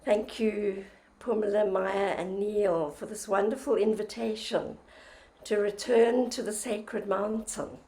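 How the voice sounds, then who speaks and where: An older woman giving a reflective dharma talk as a meditation teacher, gentle and measured, with a voice a little croaky from flu. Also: mid-range voice, steady tone.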